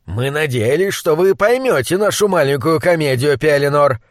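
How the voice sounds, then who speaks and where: A man voicing an old Austrian mentor who speaks in a measured, placating way. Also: fairly high pitch, lively intonation, no room sound, clean studio sound, lightly acted. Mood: soothing.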